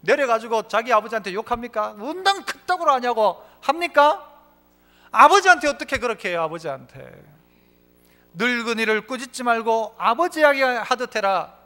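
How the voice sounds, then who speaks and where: In a church sanctuary, a man preaching as pastor speaks in a very high, pushed and bright voice. He asks the congregation questions, answers them himself, and tells stories while acting out quoted voices.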